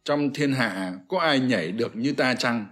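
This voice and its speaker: A man's voice: mid-range voice, lively intonation, normal speed, fairly bright tone, slightly rough, soft background music. A man voicing a proud, ruthless warlord who speaks in a commanding, scornful way, in an audiobook. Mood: stern.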